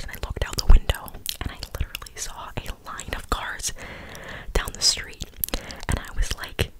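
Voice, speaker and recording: Young woman doing asmr cupped hand whispers, breathy n close on the mic, rambly casual storytelling. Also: low-quality recording. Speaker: ASMR video creator. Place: small bedroom, indoors. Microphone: close desktop condenser microphone.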